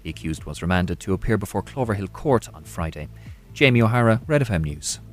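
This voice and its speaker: An Irish man filing a news report, read in a measured, formal way. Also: deep voice, expressive, faint music behind.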